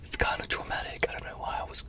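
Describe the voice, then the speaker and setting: Fast ASMR whisperer, entirely breathy. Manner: repeats words and phrases. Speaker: ASMR creator.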